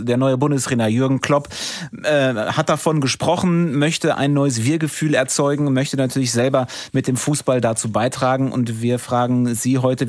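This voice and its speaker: Radio talk host, brisk and dry. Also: male voice, mid-range voice, no echo. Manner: brisk, interjecting questions. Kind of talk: live radio call-in moderation. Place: radio studio.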